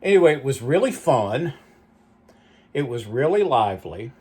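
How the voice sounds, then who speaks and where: A man's voice: medium pitch, sing-song, normal speed, a little mellow, breathy edge. A man hosting his own channel, telling rambling, nostalgic stories with lots of asides. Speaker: channel host. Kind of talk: rambling reminiscing monologue.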